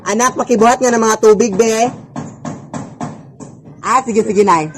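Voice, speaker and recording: A woman's voice: fairly high pitch, unhurried. Woman doing a naggy mom bit, music playing behind. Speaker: comedy skit performer. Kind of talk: comic skit acting.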